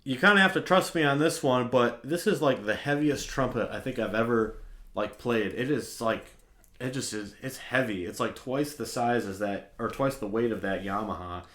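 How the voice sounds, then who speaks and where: A young man giving a casual, relaxed review of a trumpet, with lots of fillers like "like" and "um". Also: mid-range voice, moderate pace, reverberant.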